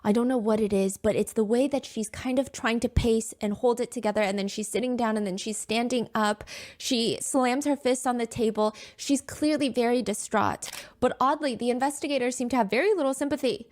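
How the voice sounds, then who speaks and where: A woman's voice: on the high side, fairly quick, darkish tone. A woman hosting a true crime show, narrating in a conversational way with asides and light humor. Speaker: true crime podcast host. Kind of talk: storytelling narration.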